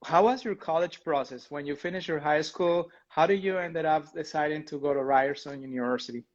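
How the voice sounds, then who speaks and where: A man's voice: fairly high pitch, fairly quick, lo-fi sound. A man hosting a livestream interview, enthusiastic and upbeat as he asks his guest questions. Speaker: host.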